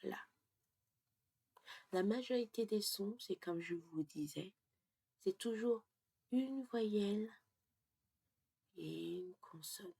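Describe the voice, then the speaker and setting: A woman gives a pronunciation lesson at a very slow, careful pace. Her voice is gravelly and somewhat husky. She often sinks into half-whispers while writing. The recording is dry and close. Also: medium pitch, expressive, mellow, dry recording. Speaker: French pronunciation teacher.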